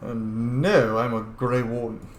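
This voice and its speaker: A male gaming streamer role-plays a video game, giving casual, informal, sometimes sweary commentary with in-character replies. He speaks slowly in a mid-range voice with a steady tone. The recording has a roomy echo and faint background noise.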